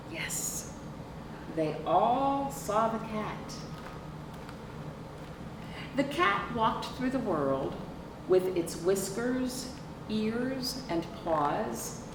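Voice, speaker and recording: This middle-aged woman speaks in a mid-range voice as she leads a children's storytime, reading a picture book aloud, explaining each point deliberately and asking questions she doesn't expect answered. The distant camera mic, a few feet away in a sofa-furnished room, yields echoey, noisy sound.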